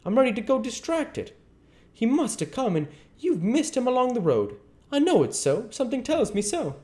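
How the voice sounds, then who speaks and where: Man doing a frantic high-voiced old aunt. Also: very animated, normal speed, a little mellow. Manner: high fluttering falsetto, anxious. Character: fretful older woman, flustered aunt.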